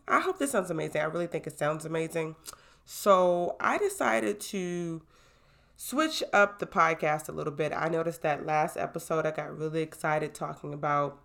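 Lively woman hosting a chatty podcast. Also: lowish voice. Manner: animated, chatty, hype-building. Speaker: podcast host. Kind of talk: casual solo podcast talk. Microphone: new podcast microphone.

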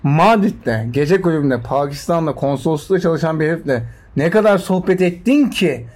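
A man's voice: a little high, animated, brisk, darkish tone. A young man chatting casually as a podcast co-host, teasing and joking with his friend. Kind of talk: casual chat.

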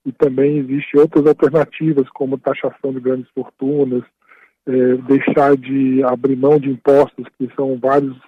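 A man speaking by phone as a radio interview guest, explaining at a steady pace and often tagging his phrases with a questioning "right?". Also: medium pitch, husky, no echo. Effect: heard over a phone line. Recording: tinny dry phone line.

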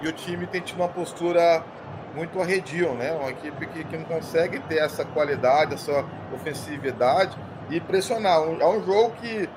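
A Brazilian man giving unscripted match analysis as a pundit, critical and halting, repeating his words. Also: a little high. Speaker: football pundit. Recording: clearly noisy, outdoor ambience.

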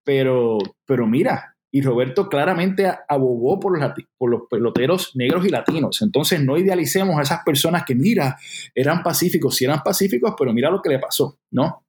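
In a conversational interview, a Puerto Rican guest in his forties, speaking with a Puerto Rican Spanish accent, thinks aloud earnestly and reflectively, with frequent restarts. He sounds a little high, expressive and darkish in tone, and talks fairly quickly.

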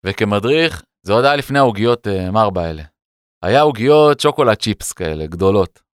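A man telling an animated personal story in a casual conversation, acting out the voices of people in it. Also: lowish voice, clean tone, no echo, studio quality. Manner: animated, acts out voices in his anecdotes. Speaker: educator and podcast guest.

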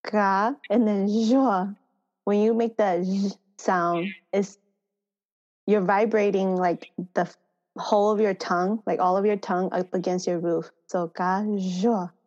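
A woman born in Thailand, a farmer education manager, telling her story in a relaxed interview and laughing often. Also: mid-range voice, unhurried. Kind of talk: casual interview conversation. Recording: slightly dull lo-fi sound.

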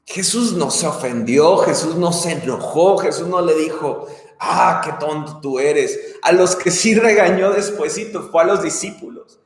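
A man's voice: on the high side, normal speed, few pauses. A man preaching a sermon in an earnest way, repeating key phrases for emphasis. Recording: echoey hall with long reverb.

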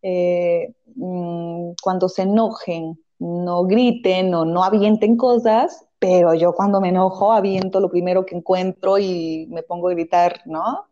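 A woman's voice: on the low side, steady tone, a little slow, mellow. A woman, a parenting professional and mother, explaining patiently and often checking in with "¿sí?". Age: adult, parent of a young child. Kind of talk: conversational advice talk. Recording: slightly dull lo-fi audio.

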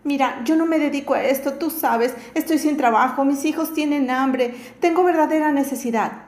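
A woman's voice: high voice, normal speed, a little mellow, pitched above the performer's own voice, natural voice. A woman voicing a poor, desperate male thief who begs for forgiveness, in a roomy recording. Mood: pleading. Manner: begging, imploring. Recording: roomy echo.

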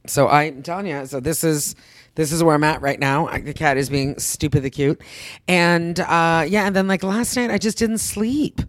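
Casting: middle-aged woman, chatty co-host, animated rambling storyteller, dry close sound. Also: sits low, normal speed, no echo. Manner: rambling, animated storytelling, acts out her own thoughts, swears casually. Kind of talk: casual chat.

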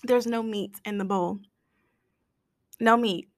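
An American woman hosting a casual solo podcast rant, hoarse with her voice nearly gone, raspy and whispery, speaking bluntly. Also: mid-range voice, steady tone, slow, no echo, studio quality. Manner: blunt, complaining, mildly sweary. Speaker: podcast host.

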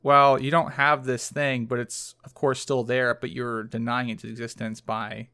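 A man with a smooth, resonant voice speaks in a casual academic conversation. His sound is close and dry, and he reasons carefully, often hedging his points. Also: mid-range voice, flat delivery, measured pace, bright, forceful tone, dry recording.

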